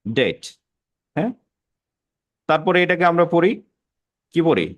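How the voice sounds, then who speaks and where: Male teacher, patient classroom delivery, repeats words slowly, mid pitch. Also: expressive, lo-fi sound. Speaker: English pronunciation teacher. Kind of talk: classroom lesson.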